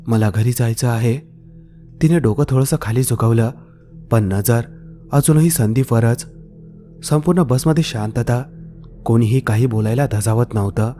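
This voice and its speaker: A man narrating a scripted horror story in a slow, hushed, suspenseful way. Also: mid-range voice. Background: faint eerie background music.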